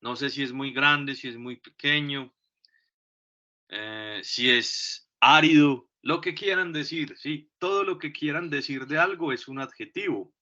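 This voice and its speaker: Slow Colombian teacher with a bright voice. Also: male voice, medium pitch. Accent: Colombian Spanish. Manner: patient, explains step by step, often checks in with "listo". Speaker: English teacher. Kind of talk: classroom language lesson. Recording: dull, lo-fi recording.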